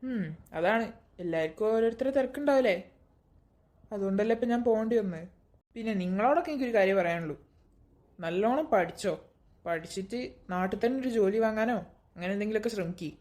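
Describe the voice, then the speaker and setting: A woman playing a gentle young man saying goodbye. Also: mid-range voice, lively intonation, fast talker, lightly acted. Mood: advising. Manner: soft, reassuring, affectionate. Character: young man leaving home, gentle and consoling. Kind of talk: animated cartoon voice acting.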